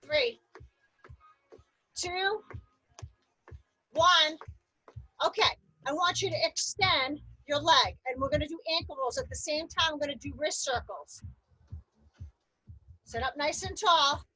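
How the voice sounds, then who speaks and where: A woman aerobics instructor leading an exercise class, giving energetic, encouraging cues and counting reps. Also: high-pitched, takes it slowly, long pauses, no room sound, faint music behind, low-quality recording. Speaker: aerobics instructor leading a seated chair workout.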